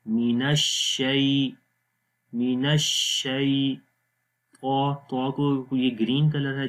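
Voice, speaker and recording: A man with a Pakistani Urdu accent teaching Quran recitation, explaining each letter and then reciting slowly with long drawn-out sounds. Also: mid-range voice. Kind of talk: Urdu tajweed lesson.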